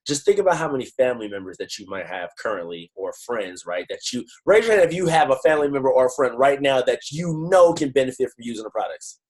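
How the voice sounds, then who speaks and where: A man's voice: medium pitch, very animated, quick pace, few pauses, a little mellow, poor audio. Slangy man telling a motivational story. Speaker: network-marketing team leader. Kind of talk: casual motivational talk. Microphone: computer mic on a video call.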